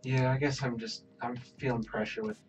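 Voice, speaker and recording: A man's voice: mid-range voice, steady tone, a little fast, recorded from a distance, dull audio, music in the background. A man in casual chat on a livestream, laid-back and often mumbling his asides.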